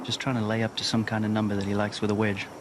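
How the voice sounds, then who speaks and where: A man's voice: lowish voice, monotone, racing. A man giving live commentary on golf shots, with outdoor noise on the broadcast.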